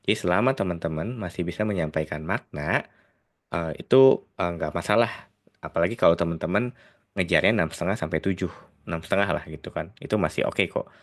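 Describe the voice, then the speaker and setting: A man with a Sundanese accent teaching a casual video lesson. He explains in a chatty way, with many tag words and hesitations, and mixes English phrases into his talk. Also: low voice. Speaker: IELTS tutor.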